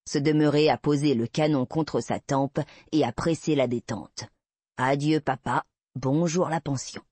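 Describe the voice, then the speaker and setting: A man voicing an obsessive, creepy man who slowly confesses to a kidnapping, in a soft, unsettling manner. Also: mid-range voice, breathy edge, no room sound. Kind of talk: audiobook reading.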